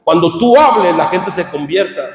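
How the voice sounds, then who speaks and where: A man preaching a fervent sermon as pastor, swinging between shouted climaxes and quiet asides. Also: high-pitched, expressive, moderate pace, vocal fry. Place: church hall. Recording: echoey church hall.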